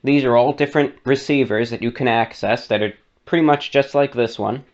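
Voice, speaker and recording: This lo-fi clip has a man of medium pitch moving briskly through an explanatory tutorial as a radio show host, chatting casually and dropping asides between the steps.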